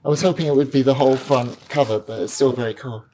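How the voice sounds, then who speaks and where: A woman's voice: a bass voice, fast, mellow, slight background noise. A woman, an independent film director, chatting upbeat and directly to her viewers in a casual behind-the-scenes vlog.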